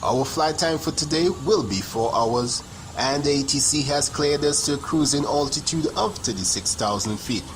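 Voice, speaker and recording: A man's voice: fairly high pitch, normal speed, close to an everyday voice. A young man playing an airline captain who gives a formal cabin announcement from the cockpit, with the cadence of a pilot's welcome, at a graduation podium microphone. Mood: mock-formal. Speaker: valedictorian graduate. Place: graduation ceremony stage. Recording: noisy ceremony recording.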